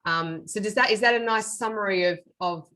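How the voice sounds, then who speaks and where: A middle-aged medium and author from Australia talks briskly as an interview guest, her mid-range voice pushed and bright. She tells her life story with earnest reflection.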